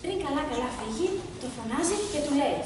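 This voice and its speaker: A woman reading a folk tale aloud in an expressive storytelling manner. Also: sits high. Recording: echoey hall, voice far from mic, background noise.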